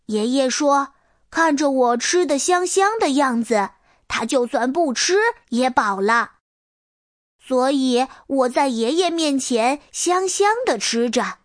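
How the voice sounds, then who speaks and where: Woman narrator for a children's storybook, high, unhurried, gentle. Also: dry recording, clean studio sound. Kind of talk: storybook read-aloud narration.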